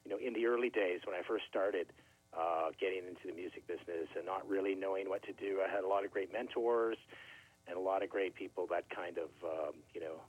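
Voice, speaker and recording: A man's voice: deep voice, fairly even intonation, a little fast, breathy edge. A middle-aged man from Canada, a record label owner, talking casually as an interview guest, friendly and full of fillers. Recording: tinny phone line, dry.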